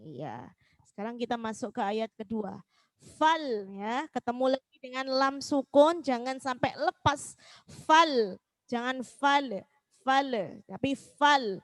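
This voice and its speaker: A woman with a Javanese accent leads a Quran recitation lesson, chanting each syllable slowly in a high voice. Between verses she explains pronunciation and invites listeners to recite with her. The recording is dry and close. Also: lively intonation, dry recording. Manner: slow, drawn-out chanting of verses, with quicker spoken explanations in between; asks listeners to repeat together.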